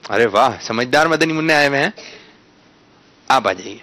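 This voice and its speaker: A man hosting a quiz for children, coaxing them patiently to pronounce words correctly and breaking into loud announcements when they get it right. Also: mid-range voice, lively intonation.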